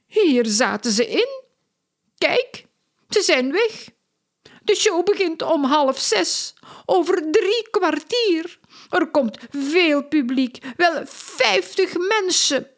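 A high, shrill and fussy circus clown lady, put on by a woman reading aloud. She exclaims in a bouncy, sing-song way and drags her words out slowly. It is a storybook voice for children. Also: lively intonation, exaggerated voice. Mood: frantic, excited. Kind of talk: storybook character voice.

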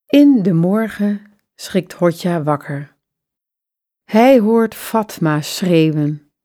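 A woman reading a children's story aloud in very slow, clearly phrased short sentences. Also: on the low side, animated, dark tone.

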